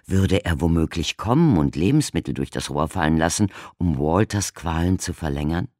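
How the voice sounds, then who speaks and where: Very deep-voiced male audiobook narrator. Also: no echo, studio quality. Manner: measured, dramatic reading with lively intonation. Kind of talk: scripted narration.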